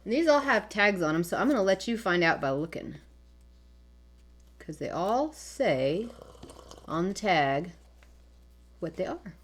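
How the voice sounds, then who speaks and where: A woman's voice: on the low side, expressive, normal speed, fairly bright tone. A woman hosting a casual tea tasting, cheerfully calling out each round and the results. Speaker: host running the tasting.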